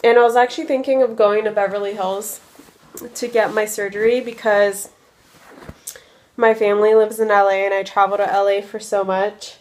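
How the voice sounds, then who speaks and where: This casual vlog features a woman in her early twenties from the United States who is drowsy on medication and rambles with frequent likes and ums. Her mid-range voice has a level, somewhat dark tone and a moderate pace.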